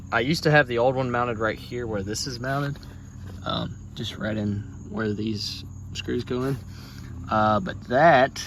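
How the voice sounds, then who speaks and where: A DIY truck vlog host, this American man has a fairly low-pitched voice with slight background noise behind it. He leads a hands-on truck tutorial in a folksy, informal way, talking casually and thinking aloud.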